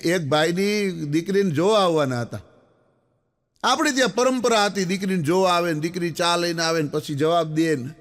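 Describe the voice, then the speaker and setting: A middle-aged man with a Kathiyawadi Gujarati accent performs as a folk comedian, spinning comic stories in a homely, conversational way. His voice sits high for a man. He keeps turning to speak directly to his listeners. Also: moderate pace. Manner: folksy, chatty, addresses the audience directly. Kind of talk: live comic storytelling.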